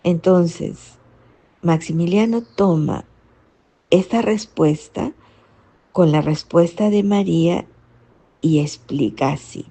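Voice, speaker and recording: A woman giving a reflective spiritual teaching, explaining gently and often adding rhetorical questions. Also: lowish voice, slow pace, long pauses. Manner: reflective, frequent rhetorical "¿no?" tags. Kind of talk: spoken catechesis talk.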